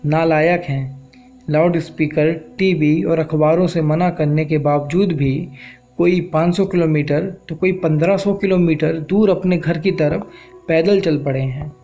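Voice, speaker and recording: A man voicing a stern male police constable who scolds in a slow, deliberate way, in a spoken-word story. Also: a little high, steady tone, warm tone, faint music behind. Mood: scolding.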